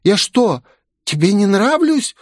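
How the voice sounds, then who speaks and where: A man's voice: high voice, big pitch swings, takes it slowly, no echo, studio quality, voice pushed up, heavily acted. A man voicing a tipsy, clingy young aristocrat girl in an audiobook, pouty and drunkenly affectionate. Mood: clingy, playful. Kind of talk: audiobook character voice.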